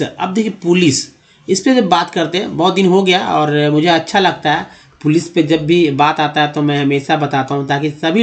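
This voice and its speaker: A man giving a spoken lesson on reading English. He explains step by step, often repeats words and asks his listeners questions. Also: on the high side. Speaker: English teacher.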